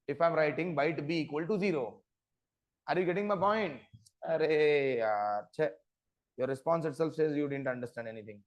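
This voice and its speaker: A man giving an interactive programming lecture, often stopping to quiz his listeners with short check questions. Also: on the high side. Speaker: programming instructor. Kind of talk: interactive live coding lecture.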